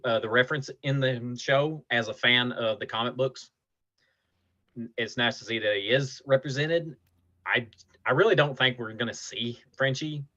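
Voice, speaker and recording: A man hosting a casual podcast chat, his voice bright and forceful. He retells scenes with animation. The recording sounds dull and lo-fi. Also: fairly low pitch. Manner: animated retelling with acted quotes. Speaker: podcast host.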